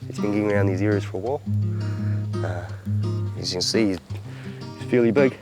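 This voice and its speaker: A man's voice: fairly low pitch, fairly quick. A man with a broad New Zealand accent chatting casually outdoors on a hunt, in laid-back rural slang and short phrases. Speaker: local pig hunter and guide. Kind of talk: casual chat while hunting. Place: outdoors in bush and grassland. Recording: music over outdoor field recording.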